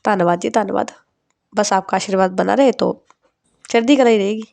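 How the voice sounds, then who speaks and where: A woman voicing a polite young female boss, respectful and soft-spoken. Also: mid-range voice, a little fast, gravelly, close to an everyday voice.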